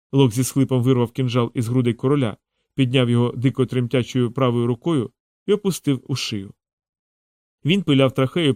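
In a scripted fantasy audiobook, a man narrates with dramatic, measured storytelling and a dark tone. His voice is at an ordinary middle pitch, recorded dry and close without room echo.

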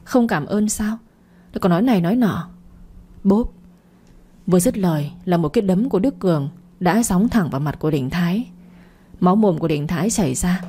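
A woman narrating a story in a steady, even manner. Her voice sits low and sounds dark and mellow. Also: slightly rough.

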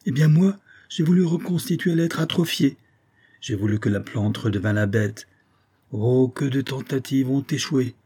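A man's voice: mid-range voice, normal speed, mellow, husky, natural voice. Man voicing a feverish, obsessed old-world botanist. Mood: feverish pride. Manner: exalted, declamatory, rising to cries. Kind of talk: dramatic audiobook reading.

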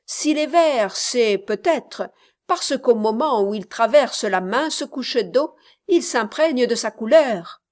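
A woman's voice: a little high, animated, a little slow. A woman voicing a pompous, opinionated male scholar who lectures insistently in a storybook reading.

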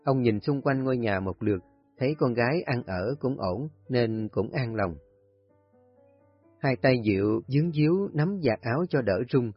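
A man calmly narrating a family story in a steady storytelling voice. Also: mid-range voice, moderate pace, no room sound. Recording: husky voice, dull lo-fi audio, faint music.

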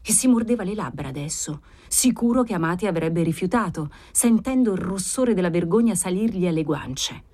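A woman narrating a classic novel as an audiobook, in a measured, expressive reading. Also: on the low side. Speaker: audiobook reader.

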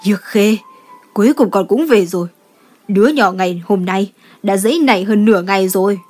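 A fretful middle-aged grandmother who scolds and pleads in a raised voice, as a woman reading the story puts her on. Her voice sits at an ordinary mid pitch. Soft music plays under the reading. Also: fairly quick, lightly acted. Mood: exasperated.

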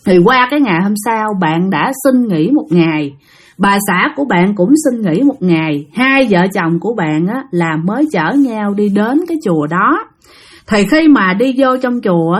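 A woman's voice: medium pitch, lively intonation, normal speed, breathy edge. A woman narrating a ghost story, chatty and addressing listeners directly.

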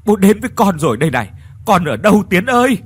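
A man's voice: medium pitch, expressive, measured pace, a little mellow, breathy edge. Man narrator playing a grief-stricken old father, shaky voice, storybook reading. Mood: anguished calling. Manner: panting, calling out, muttering.

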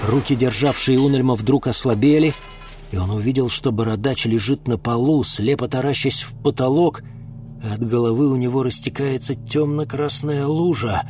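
A man calmly reading an audiobook as the narrator. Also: medium pitch, normal speed, faint music behind.

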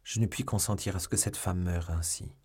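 An impassioned young musketeer with a soft heart, as a male reader plays him. His lines come in a low, husky voice. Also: steady tone, brisk. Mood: distressed.

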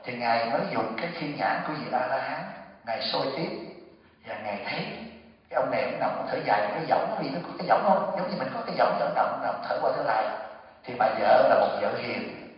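A man's voice: mid-range voice, lively intonation, quick pace. A man giving a Buddhist dharma talk, telling a story in a conversational way with asides to the listeners. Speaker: Buddhist monk teacher. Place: temple hall. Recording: echoey hall from far off, dull.

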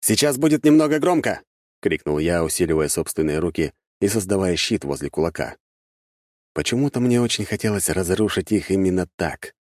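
A man narrating a first-person fantasy audiobook in a measured, wry manner. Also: low voice, darkish tone, dry recording. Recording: dry close studio sound.

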